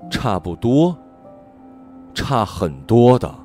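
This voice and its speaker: A man's voice: medium pitch, sing-song, slow pace, warm tone, voice pushed up. A man voicing a wistful, insistent man who talks earnestly and a little raised. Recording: faint background music.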